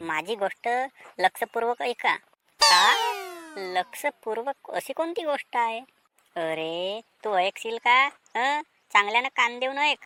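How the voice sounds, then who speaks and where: Timid village thieves in a cartoon, hatching a clumsy plan in hushed, conspiring tones, voiced by a woman. They speak with a Vidarbha Marathi accent. The voice is somewhat high. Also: expressive, slow, a little hiss or hum, heavily acted. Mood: plotting. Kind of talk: cartoon drama voice acting.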